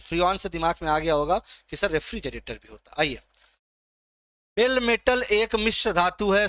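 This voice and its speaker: Bright-voiced man teaching a live class. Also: high voice, no echo. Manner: coaxing, teasing students by name. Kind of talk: live online exam-prep class.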